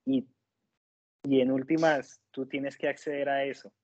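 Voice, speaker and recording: A man from Colombia, giving a conversational testimonial and pausing to search for his words. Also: mid-range voice, steady tone, vocal fry, darkish tone, no echo, dull audio. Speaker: nurse working in the United States, interviewee.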